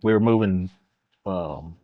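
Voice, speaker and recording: Man, middle-aged, from Oklahoma, podcast guest, rambling storyteller, lowish voice. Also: takes it slowly, no echo, narrow, tinny audio. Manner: rambling, lots of uh and you know. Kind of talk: casual storytelling.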